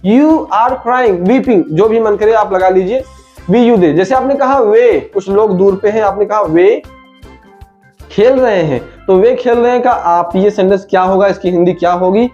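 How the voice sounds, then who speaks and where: A man's voice: sits high, moderate pace, dark tone. A man teaching an online English grammar lesson, repeating each rule and calling the listener his friend. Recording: dull lo-fi sound with faint music.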